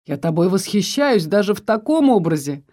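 Woman reading as a young husband, teasing, protective, persistent questions, mellow tone, storybook. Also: mid-range voice, big pitch swings, moderate pace.

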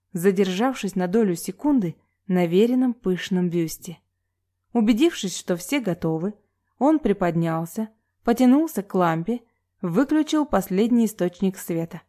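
A woman reading a novel aloud in an even, measured storytelling manner. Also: medium pitch. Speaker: audiobook narrator.

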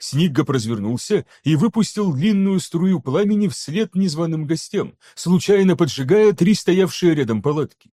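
A man reads an audiobook in steady, scripted narration. His voice is mellow and dark, and it sits a little higher than most men's. His pacing stays even through the action. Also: moderate pace. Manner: steady, even storytelling that voices each character.

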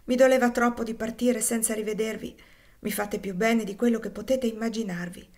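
A woman voicing a gentle, devoted older male slave, speaking softly, low and slowly, in a pleading way. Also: steady tone, close to an everyday voice. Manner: soft, low and slow, pleading.

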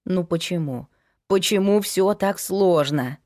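In an audiobook, a woman narrator voices a young fiancé who is eager at heart but quickly thrown into confusion, turning anxious and bewildered. Her darkish voice for him sits a bit low and stays close to plain speech.

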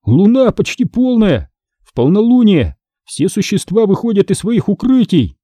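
A loud, mischievous teenage boy teases and taunts with a lot of swagger, as a male narrator puts him on. The voice is pushed high and leaps around in pitch. The tone is dark and husky, recorded close and dry. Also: sing-song, normal speed, no echo. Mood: spooky. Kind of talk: audiobook character voice.

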